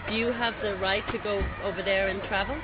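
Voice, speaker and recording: A woman reporter interviewing a demonstrator outdoors, asking brief questions and giving soft acknowledgements. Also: mid-range voice, steady tone, brisk. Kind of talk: street interview. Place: outdoors on a city street. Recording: dull lo-fi recording with loud street noise.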